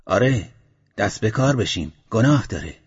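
A man's voice: on the low side, animated, husky, in a large hall. A man reading the lines of a practical, fretful village headman in an audiobook, in a questioning, slightly raised voice, on a dull lo-fi recording. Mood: worried questioning.

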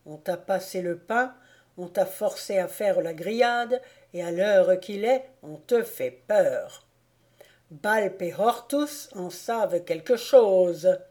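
A woman voicing a stern elderly male schoolmaster in an audiobook, scolding loudly and with biting irony. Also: on the low side, takes it slowly. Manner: thundering, ironic scolding. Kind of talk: audiobook character voice.

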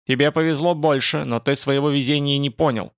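Man doing a creaky spider-man mage, sinister storybook villain, raised pitch, slow gloating speech, dry sound. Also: fairly even intonation, dry recording, natural voice. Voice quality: creaky, clicking voice.

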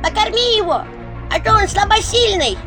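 A woman voicing a small, fluffy female imp who frets and squeaks her anxious, chatty pleas. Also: lively intonation, moderate pace. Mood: fretful, squeaky. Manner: squeaky, fretful, rising pleas. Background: background music.

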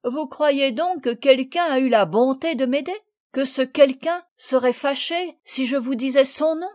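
A woman voicing an eager, earnest little boy of seven in a storybook reading, speaking with lively, heartfelt pleading. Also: high voice, a little slow, no echo, studio quality.

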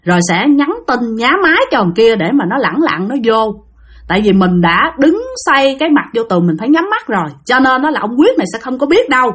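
A woman's voice: a little high, big pitch swings, brisk, fairly bright tone, breathy edge. A woman casually telling a ghost story, chatting straight to her listeners.

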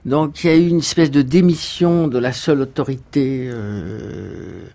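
Male interview guest, mid-pitch, halting and searching for words. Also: vocal fry, mellow. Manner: hesitant, many fillers and restarts. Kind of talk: documentary interview.

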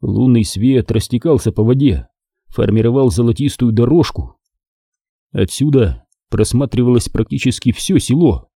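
A man narrating an audiobook with expressive reading. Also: medium pitch, normal speed, breathy edge, no echo, studio quality. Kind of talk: scripted narration.

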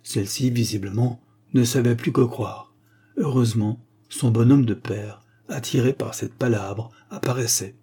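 A man narrating a classic French story in a measured, literary way. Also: mid-range voice, mellow, breathy edge. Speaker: audiobook narrator. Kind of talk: scripted narration.

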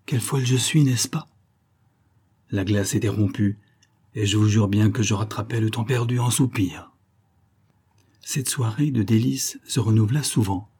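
A man reading a literary short story aloud in the first person, expressive and bringing the dialogue to life. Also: lowish voice, breathy edge. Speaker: audiobook reader. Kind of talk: scripted literary narration.

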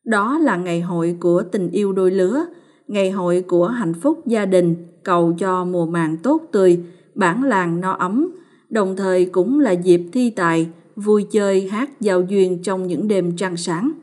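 A woman narrating a ghost story as a storyteller, in a measured, solemn way. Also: medium pitch, darkish tone.

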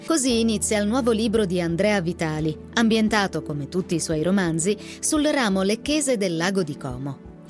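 Female radio presenter, mid pitch, scripted book intro, light music bed. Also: animated, moderate pace, darkish tone. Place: radio studio.

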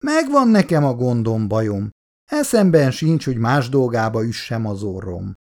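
A reader voicing a proud, touchy young woman who speaks in sharp, indignant lines in a storybook reading. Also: a bass voice, very animated, exaggerated voice.

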